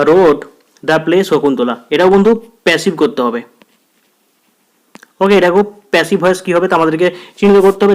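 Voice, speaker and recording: A man with a Bengali accent teaching an exam-prep English grammar lesson, calling viewers friend, repeating phrases and reading English quiz sentences slowly word by word. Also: high-pitched.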